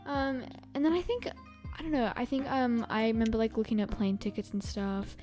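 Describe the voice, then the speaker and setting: A woman's voice: on the high side, steady tone, brisk, a little mellow, soft background music. A young woman from Australia hosting a podcast, chatting casually and rambling with many fillers and laughs. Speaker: podcast host. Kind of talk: casual chat.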